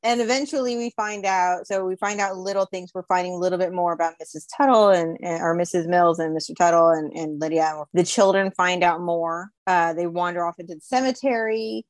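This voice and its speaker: A woman with a fairly low voice walks through a movie's plot in a loose, chatty way. Her sentences run on and restart often as she goes. The recording is dry and close. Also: steady tone, a little fast, hardly any pauses, no room sound. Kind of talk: casual chat about a film.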